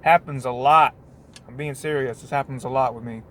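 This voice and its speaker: A man in a plain mid-pitched voice rambles through a casual monologue from a parked spot on his work break, circling back on himself and tossing in asides. Faint noise hums underneath. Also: steady tone, brisk, fairly bright tone. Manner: meandering, full of restarts and "you know what I mean". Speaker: vlogger.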